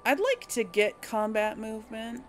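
Her voice is a bit high with big pitch swings, at a moderate pace, and faint music plays behind her. As the gamer hosting a role-play playthrough, she thinks out loud to viewers, correcting herself and hesitating in casual commentary.

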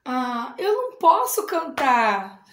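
A woman's voice: sits high, sing-song, slow pace, fairly bright tone, heavily acted. A woman voicing a small, wistful male snail in a storybook reading, with sighing complaints in an echoey room.

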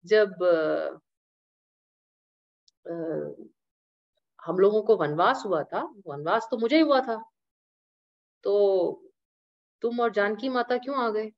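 Brief: woman playing a calm, loving male deity in a storytelling lesson; muffled audio. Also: on the high side, slow pace, long pauses. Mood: gently chiding. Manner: mild, gently chiding. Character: gentle affectionate male prince-god, calm.

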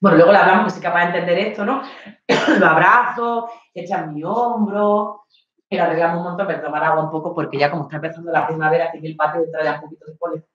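A woman's voice: on the low side, quick pace. Nervous woman in a very echoey patio. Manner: lively, acts out scenes, addresses the audience with "¿vale?". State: nervous, coughing. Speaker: speaker at an online talk. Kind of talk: storytelling monologue talk. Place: home patio. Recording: very echoey, distant lo-fi mic.

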